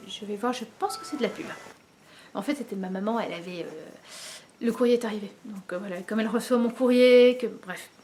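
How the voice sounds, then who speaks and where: A woman, likely in her thirties, chatting casually to the camera at home as host of a knitting video, pausing often with many fillers. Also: mid-range voice, warm tone, slight background noise. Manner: hesitant, many pauses and fillers.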